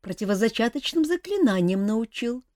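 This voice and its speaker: A woman voices a glum, hungover young male elf prince, pitching a little high, above her own natural voice, in a sing-song, darkish tone at a moderate pace. She sighs and complains plaintively. The studio-quality recording has no room sound.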